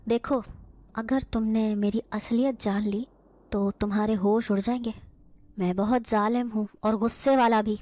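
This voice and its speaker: A woman voicing an angry, reclusive young man who is secretly a jinn, speaking harshly, scornfully and slowly. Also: on the high side, fairly even intonation, mellow, natural voice. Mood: stern. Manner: harsh, scornful and slow-spoken.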